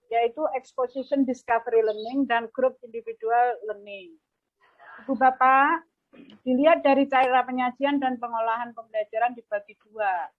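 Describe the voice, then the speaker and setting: A woman teacher trainer giving an online lecture, explaining step by step with "eh" fillers, her voice coming through a crackly call line that keeps breaking up. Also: a little high. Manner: explains step by step, fills pauses with "eh" and "apa ya". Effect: choppy, crackly call audio that breaks up. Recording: dull, dry, lo-fi call line.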